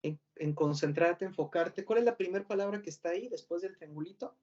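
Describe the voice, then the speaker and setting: Mellow Mexican man lecturing a class. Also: sits high, brisk. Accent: Mexican Spanish. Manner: rambling and self-correcting, with rhetorical questions. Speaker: professor giving a lecture. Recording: dull lo-fi recording.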